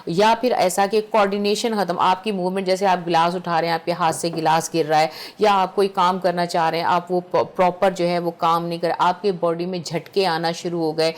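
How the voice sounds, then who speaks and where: A woman's voice: lowish voice, fairly even intonation, few pauses. A woman doctor with a Pakistani accent, a guest on a TV talk show, methodically explaining health symptoms point by point. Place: TV studio.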